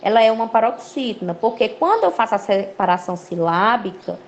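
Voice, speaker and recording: Woman teaching a lively online class. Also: medium pitch, fairly quick. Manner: didactic, checks in with frequent "ok?" and "né?"; lively, rising emphasis on key words. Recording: slightly dull lo-fi audio with faint noise.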